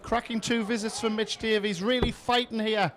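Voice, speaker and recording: High-pitched male darts commentator. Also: little pitch movement, moderate pace, fairly bright tone. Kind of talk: live sports commentary.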